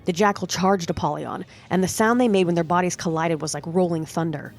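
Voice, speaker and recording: A woman with a low-pitched voice narrates a first-person story steadily and dramatically, at a fairly quick pace. Faint music plays underneath.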